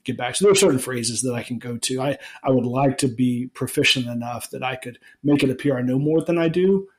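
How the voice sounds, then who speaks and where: A man in his forties from Alabama, United States, normally the host of the podcast, is the one being interviewed here in a casual chat. His mid-range voice moves at a brisk clip as he answers in a relaxed, rambling way, full of ums and restarts, and he laughs easily.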